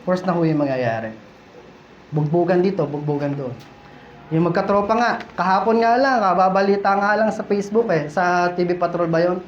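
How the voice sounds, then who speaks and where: Pastor guy preaching, chatty and jokey, asks the crowd stuff, boomy church room, kinda muffled. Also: a little fast. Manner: conversational, playful, questions the congregation. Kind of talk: sermon. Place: church hall. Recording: echoey church hall, dull sound, faint room noise.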